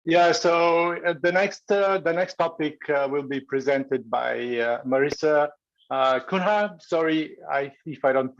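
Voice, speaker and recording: A man's voice: fairly high pitch, fairly even intonation, unhurried, no echo. Hesitant male moderator on dull call audio. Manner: hesitant, with many fillers. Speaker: session moderator. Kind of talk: introducing speakers.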